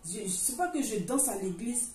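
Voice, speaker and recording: A woman's voice: on the high side, sing-song, normal speed, mellow. A middle-aged woman from Africa, giving an earnest church testimony and retelling it with many restarts. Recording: roomy echo, far from the mic, faint noise.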